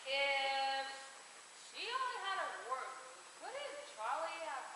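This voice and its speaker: A teenage actress playing a skeptical, quick-tongued society wife in a school stage comedy. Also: female voice, sits high, big pitch swings, heavily acted. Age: teens. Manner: skeptical, pointed questions. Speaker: high school actor. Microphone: distant room mic. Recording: echoey auditorium from far off, faint hiss.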